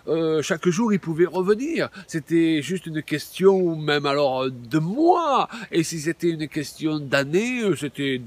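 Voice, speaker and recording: In his video sermon, a man in his sixties who serves as a pastor speaks with animation and frequent exclamations, broken up by pauses and many fillers. His voice sits on the high side.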